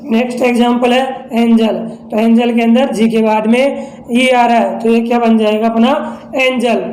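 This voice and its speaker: A man's voice: very high voice, darkish tone. Male teacher, patient and repetitive classroom delivery, recorded in a reverberant room. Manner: patient, repetitive explaining, addresses viewers as friends. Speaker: English pronunciation teacher. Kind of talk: online classroom lesson. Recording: echoey room.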